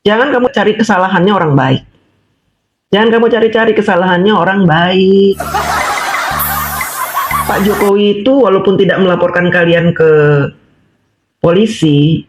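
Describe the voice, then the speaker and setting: A woman's voice: medium pitch, moderate pace, long pauses, over music. A woman vlogger ranting in an angry monologue, scolding and mocking her target with repeated taunting questions. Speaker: political vlogger. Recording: echoey room with clear background noise.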